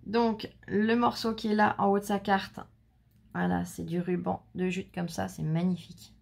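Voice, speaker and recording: A woman's voice: mid-range voice, flat delivery, moderate pace, creaky. A woman hosting her crafting channel, chatting casually and effusively while showing handmade cards and teasing someone off camera. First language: French. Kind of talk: casual unboxing chat.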